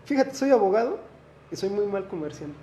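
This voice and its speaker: A man's voice: sits high, big pitch swings, brisk, warm tone, roomy sound, slight background noise. A man with a Mexican Spanish accent, a lawyer and guest in a studio interview, talking earnestly and stammering on his opening words.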